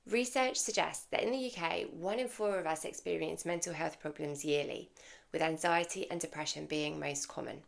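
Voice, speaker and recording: A woman's voice: low-pitched, gravelly. A woman in her thirties hosting a podcast for mums, speaking in an encouraging way and putting questions straight to her listeners. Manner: warm, encouraging, addresses listeners directly with questions. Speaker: podcast host. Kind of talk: scripted podcast monologue.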